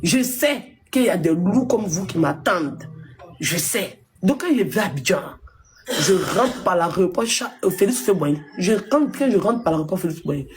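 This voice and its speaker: A woman on a phone live stream, scolding her critics with indignant rhetorical questions and sudden high exclamations. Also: lively intonation, normal speed, a little mellow. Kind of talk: social media livestream rant.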